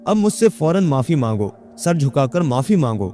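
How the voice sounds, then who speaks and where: A man's voice: a little high, very animated, mellow, faint music behind. A man voicing a young man who insists he is the caliph, speaking in a commanding, indignant way.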